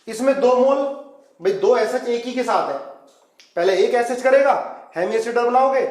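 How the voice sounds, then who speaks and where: A man's voice: high-pitched, a little mellow, reverberant, rough recording. A man teaching a chemistry lecture at a whiteboard, coaxing students and calling them "beta" as he walks through reaction mechanisms. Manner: coaxing, calls students "beta", asks them to follow along.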